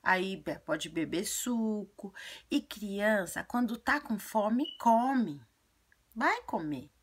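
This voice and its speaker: A woman voicing an earnest, chatty little girl who tells childlike stories and gives advice in a breathy, often half-whispered voice. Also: mid-range voice, animated, slow pace. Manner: childlike storytelling, repetitive. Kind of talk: video monologue in character.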